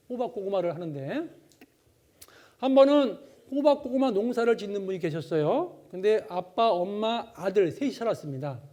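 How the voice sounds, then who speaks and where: High-pitched male preacher, animated storyteller giving a Bible lecture. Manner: animated, acts out the people in his stories. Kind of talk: sermon with storytelling.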